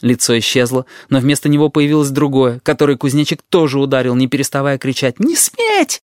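A man narrating an audiobook with an expressive, lively reading in a medium-pitched voice. The sound is dry and close, with no room echo behind it. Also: fast. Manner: expressive reading, acts out dialogue.

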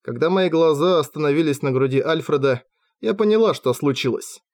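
A man narrating a fantasy audiobook in the first person, with lively storytelling on a close mic. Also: on the high side, brisk. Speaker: audiobook reader.

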